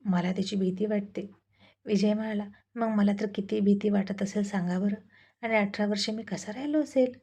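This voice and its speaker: A woman's voice: medium pitch, fairly even intonation, brisk, mellow, slightly rough. A woman narrating a family story in a chatty way with mocking asides.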